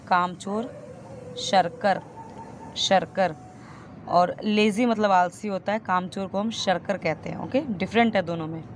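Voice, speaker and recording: Slow, low-voiced woman teacher. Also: slight background noise, low-quality recording. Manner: slow, deliberate word-by-word reading, repeating each term. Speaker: English teacher. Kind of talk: vocabulary lesson, listing word pairs.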